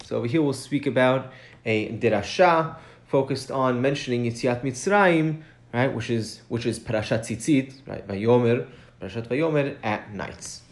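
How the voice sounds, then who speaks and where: A man teaching a recorded study lesson, explaining a text step by step, often checking in with "right?" and stressing key points with his voice rising. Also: mid-range voice. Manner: chants source text quickly. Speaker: Mishnah teacher.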